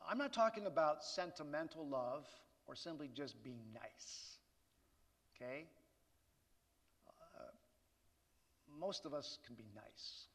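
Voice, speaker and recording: Slow-speaking man preaching in an echoing hall. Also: a little high, lively intonation, creaky, fairly bright tone. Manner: conversational preaching with rhetorical asides. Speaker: pastor. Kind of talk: sermon. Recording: reverberant hall.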